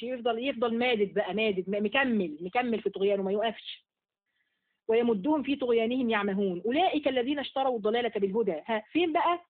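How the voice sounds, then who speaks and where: A woman with an Egyptian accent teaching an online Quran lesson, asking quick questions and repeating key words. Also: fairly high pitch. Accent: Egyptian Arabic. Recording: phone-like narrow audio.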